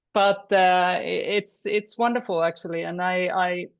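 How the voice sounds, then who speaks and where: A woman from Finland, a filmmaker guest introducing herself haltingly over a video call, with soft laughs between phrases. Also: fairly low pitch, fairly even intonation, creaky, clear, resonant tone, lo-fi sound.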